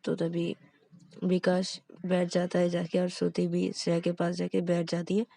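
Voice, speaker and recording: A woman's voice: lowish voice, monotone, normal speed, vocal fry, dark tone, dry recording. A woman narrating a romance story casually, with loose repetitive links between scenes. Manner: loose, repetitive linking phrases.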